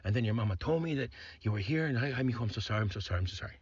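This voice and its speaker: A man's voice: mid-range voice, animated, racing, breathy edge, no room sound, dull audio. A man voicing his apologetic, flustered middle-aged father, who repeats himself as he says sorry.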